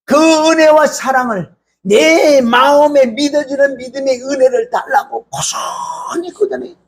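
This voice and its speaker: High-voiced, impassioned man preaching. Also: a little slow. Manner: impassioned, swings between loud outbursts and low asides, voice cracking with emotion. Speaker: pastor. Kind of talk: fervent sermon.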